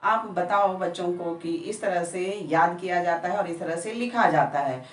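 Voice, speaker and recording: A woman's voice: on the low side, moderate pace, distant mic. A woman teaching a patient spoken lesson, drawing out each example word one by one. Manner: stretches out example words one by one. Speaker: English teacher. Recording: echoey room, voice a bit off-mic.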